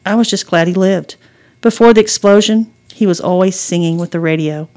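A woman's voice: fairly low pitch, a little fast, darkish tone, lightly acted. A woman voicing a teasing mother in a read-aloud story, with dry, sarcastic humor. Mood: reminiscing. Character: wry, teasing mother driving her daughter.

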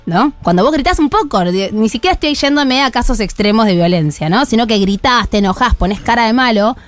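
Animated Argentine woman explaining parenting. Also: a little high, no echo. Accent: Argentine Spanish. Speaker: parenting columnist. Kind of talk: radio studio conversation.

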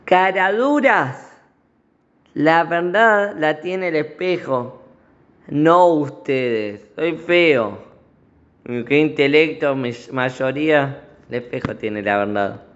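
A man's voice: medium pitch, unhurried, natural voice. A man voicing an angry, vain, ugly king in a story within his sermon. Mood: shouting. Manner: indignant, scolding outbursts. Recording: roomy, slightly dull recording.

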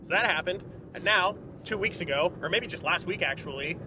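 Guest voice: eager, rambling man, quick and slightly high, car noise behind. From California. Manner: enthusiastic, rambling, filler-heavy. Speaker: podcast guest. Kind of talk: casual conversation. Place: inside a car. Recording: road and traffic noise.

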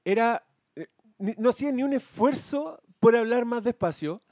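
A man with a Chilean accent telling an animated, slangy story among podcast co-hosts, swearing freely. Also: extremely high pitch, moderate pace, no room sound, clean studio sound. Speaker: podcast co-host. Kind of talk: casual storytelling chat.

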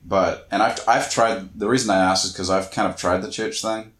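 A man's voice: lowish voice, fairly even intonation, moderate pace, fairly bright tone, echoey room. A man from small-town New Zealand, co-hosting a podcast in easygoing, chatty conversation. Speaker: podcast co-host. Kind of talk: casual chat.

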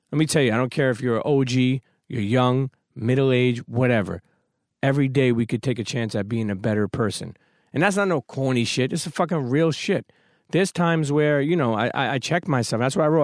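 A podcast host delivers an emphatic motivational talk, swearing casually throughout, before he welcomes his guest. His voice sits in the mid range, and the recording is dry and studio quality.

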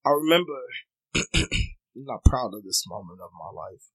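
A man's voice: mid-range voice, measured pace, breathy edge. A man co-hosting a podcast in casual chat, telling a story animatedly and acting out the voices in it. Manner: animated, acts out voices in his stories. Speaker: podcast co-host.

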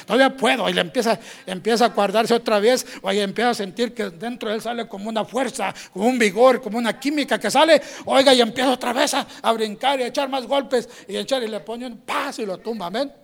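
High-voiced preacher calling hermanos. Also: male voice, quick pace, gravelly, few pauses. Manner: preacherly, peppers lines with amén and hermanos, acts out quoted voices. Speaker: pastor. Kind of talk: sermon.

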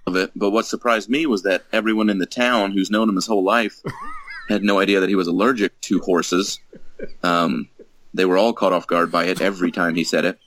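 A man's voice: low-pitched, fairly even intonation, brisk, a bit bright. A man co-hosting a casual movie review podcast, with dry, wry humor. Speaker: podcast co-host.

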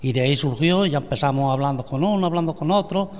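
Older man from Andalusia, folksy, halting storyteller, reverberant room. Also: on the high side, a little mellow. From Andalusia, Spain (La Rambla, Córdoba). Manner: hesitant, repeats words, homely storytelling. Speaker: vice president and founding member of a brotherhood. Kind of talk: radio interview answers.

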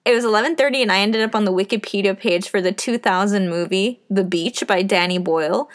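A woman's voice: mid-range voice, fairly quick. Young woman, casual chat, playful, self-mocking, laughs a lot.

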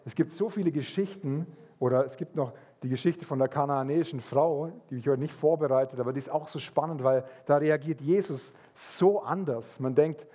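Man, sermon, husky voice, fairly high pitch, lively storytelling. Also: fairly quick, hardly any pauses. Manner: lively storytelling, acts out voices of people in the stories. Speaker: pastor.

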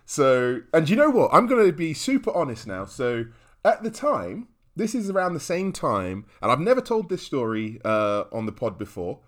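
A man's voice: a little high, huge pitch swings, moderate pace. A man chatting casually on a podcast, telling stories animatedly with lots of fillers and restarts. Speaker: podcast guest and regular, comedian.

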